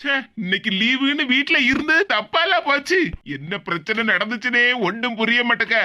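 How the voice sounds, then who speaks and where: A voice actor playing a bewildered young husband in a cartoon, puzzled and exasperated. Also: male voice, very high-pitched, normal speed, pushed and bright, slight background noise, heavily acted. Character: bewildered young husband caught between wife and mother. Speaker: son. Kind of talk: cartoon voice acting.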